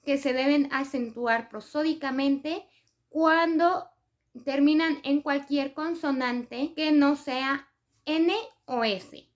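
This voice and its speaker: A woman's voice: high voice, slow pace. A woman presenting a spelling lesson for writers, explaining step by step with examples and frequent hesitation fillers. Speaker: writing tips presenter.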